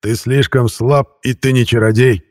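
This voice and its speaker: A man voicing a gloating, murderous old ghost in an audiobook, with a croaking, menacing voice. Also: mid-range voice, fairly even intonation, moderate pace, a little mellow, no echo, studio quality, close to an everyday voice. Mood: mocking. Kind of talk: audiobook character voice.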